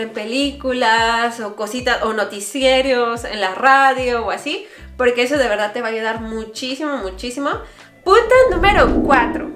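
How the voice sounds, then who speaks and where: A woman's voice: fairly high pitch, fairly bright tone. A young Mexican woman vlogging in a chatty, explaining way, piling up examples and asides. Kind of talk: casual explainer vlog. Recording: roomy echo, faint music behind.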